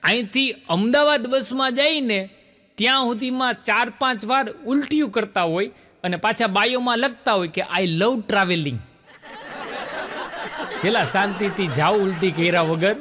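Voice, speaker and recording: A man telling jokes on stage, quick rural punchlines, jumping in pitch for the characters he quotes. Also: bright, forceful tone, faint music behind. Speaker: stand-up joke teller. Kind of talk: comic storytelling.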